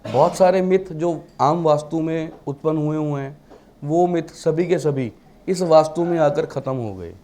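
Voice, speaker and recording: At a moderate pace, a vastu teacher lectures his class in Hindi laced with English terms, posing rhetorical questions. His voice is high-ish and warm, with a little hiss or hum in the recording.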